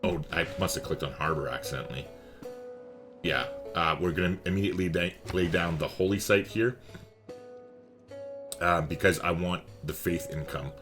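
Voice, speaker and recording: A man's voice: sits low, normal speed, pauses often, over music. A man giving casual, enthusiastic strategy game commentary, chatty and swearing freely.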